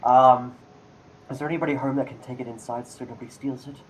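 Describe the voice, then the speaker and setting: A talkative village shopkeeper, played by a man, rambling along and pausing on frequent ums. His pitch sits in an ordinary middle range. A faint hiss runs under the voice. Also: flat delivery, natural voice, rough recording. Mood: helpful. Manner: rambling, hesitant with many ums. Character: male shopkeeper, chatty franchise owner.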